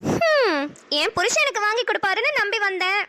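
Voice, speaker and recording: A woman's voice: extremely high pitch, lively intonation, fairly quick, pushed and bright, heavily acted. A woman voicing an anxious, tender young village woman in a cartoon, emotional. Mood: teasing. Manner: emotional, teasing then tearful. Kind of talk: cartoon dialogue acting.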